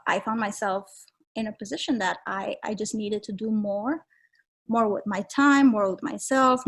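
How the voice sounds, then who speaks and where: A woman in her forties from Romania, speaking as a podcast guest and telling her story in a measured, reflective way with frequent ums. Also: mid-range voice, creaky. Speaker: guest, travel photographer. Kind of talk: casual interview.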